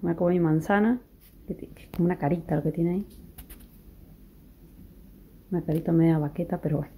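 A young woman vlogs casually from her rural house, her voice low and weak from illness, often half-whispering and cooing at dogs. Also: brisk, dark tone, slight background noise. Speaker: vlogger. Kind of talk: casual vlog narration. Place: rural house, partly outdoors.

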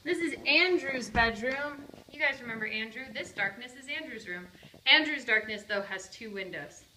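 A woman's voice: fairly high pitch, expressive, normal speed, sharp tone, a little hiss or hum. A woman in her thirties, chatty and playful, giving a casual vlog tour of her empty new house, filmed on a handheld phone camera. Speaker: vlogger. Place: large empty house, indoors. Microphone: phone camera at arm's length. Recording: echoey empty room.

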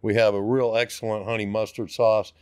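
A restaurant owner in his sixties talks casually in an interview at a podcast studio, speaking into a boom-arm studio mic. His lowish voice is level, a little mellow and smooth, and fairly quick, though he rambles hesitantly with many fillers and restarts. No room sound is audible.

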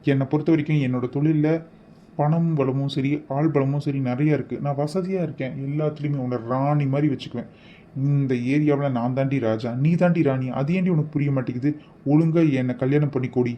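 A man's voice: a little high, fairly even intonation, brisk, muffled recording, slight background noise, close to an everyday voice. A man voicing an obsessive male kidnapper in a cartoon, who talks in a wheedling, possessive way, scolding and then pleading. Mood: insistent. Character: obsessive male kidnapper pressing a married woman to wed him. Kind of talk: animated cartoon voice acting.

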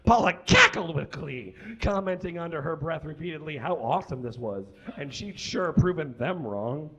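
Here his voice rides on the high side, pushed and bright, animated at a moderate speed, though the highs are clipped. He's still the young man on the small brick-and-curtain stage, reading a story with exaggerated comic drama.

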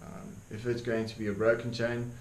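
A young South African man with an Afrikaans accent gives an earnest YouTube monologue of his opinions. His voice is on the low side, gravelly and flat, at a moderate pace, and he uses frequent ums, repeated words, and hand gestures. He sits by a desk in a dark room that echoes, with faint hiss on the audio.

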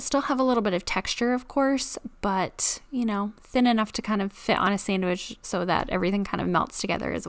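A woman's voice: medium pitch, no room sound. Chatty woman, dry close voice-over. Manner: chatty, relaxed, filler-heavy, self-deprecating. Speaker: cooking vlogger. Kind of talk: casual cook-along voice-over.

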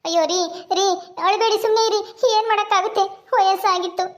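A woman's voice: very high-pitched, steady tone. Woman playing a fretful village daughter-in-law. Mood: anxious. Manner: anxious, fast and fussing. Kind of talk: village family drama skit.

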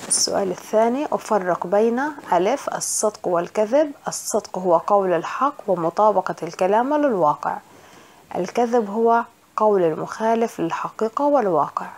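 A woman's voice: mid-range voice, a little fast. Woman teacher reading a lesson. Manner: steady, explanatory reading of definitions and answers. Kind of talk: reading a religion lesson aloud.

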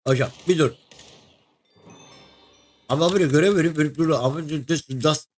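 A young man giving casual, excitable commentary while playing a game, chatting to the creatures and a co-player. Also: on the high side, normal speed, slight background noise. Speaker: gaming video host. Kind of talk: casual let's-play commentary.

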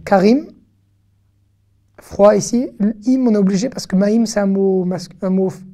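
A woman giving an online language lesson, speaking in a slow, deliberate rhythm. Her tone is mellow and dark rather than bright, and she patiently repeats syllables and words so learners can follow. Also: mid-range voice. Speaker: Hebrew teacher. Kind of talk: online lesson, explaining and demonstrating pronunciation.

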